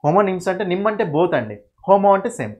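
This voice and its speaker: A man's voice: sits high, very animated, very fast, highs cut off. A young man teaches English grammar for an exam. He goes step by step and keeps asking "okay?" to check that his students follow. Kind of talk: exam-prep grammar lesson.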